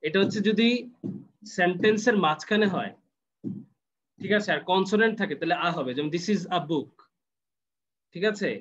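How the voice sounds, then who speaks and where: A man's voice: high-pitched, moderate pace, long pauses, fairly bright tone, highs cut off. A man teaching an English class online, patiently explaining step by step and checking that students follow.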